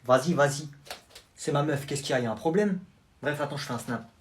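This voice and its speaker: A man's voice: a little high, fast talker, husky. A man acting out teenage comedy skits in a casual, bickering, slang-heavy way. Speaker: comedy sketch creator.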